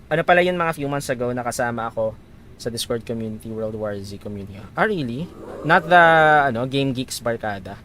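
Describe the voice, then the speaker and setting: A man's voice: medium pitch, lively intonation, fast talker, fairly bright tone. Filipino man chatting on a flight stream. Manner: chatty, switches between procedures and viewers. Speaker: livestreamer, virtual pilot. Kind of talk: casual flight simulator stream chat.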